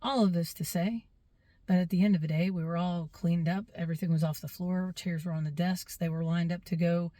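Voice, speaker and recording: A middle-aged woman, a substitute teacher, telling a story in a casual, animated way and acting out the kids and herself. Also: fairly low pitch, brisk, no echo. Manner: animated, quotes herself and kids in lively voices.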